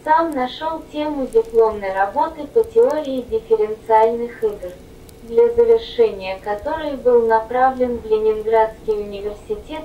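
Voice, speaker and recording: A female text-to-speech robot voice reading autobiographical notes in an even, mechanical way. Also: fairly high pitch, roomy sound, distant mic, muffled recording, a little hiss or hum.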